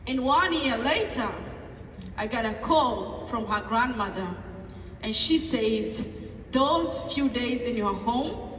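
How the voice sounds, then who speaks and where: A woman's voice: fairly high pitch, animated, takes it slowly, fairly bright tone, a little hiss or hum. Tanzanian woman telling a story in an echoey hall. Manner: storytelling, acting out dialogue with hesitant fillers. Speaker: pastor. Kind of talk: personal story at a table talk. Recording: echoey hall from far off, faint ambience.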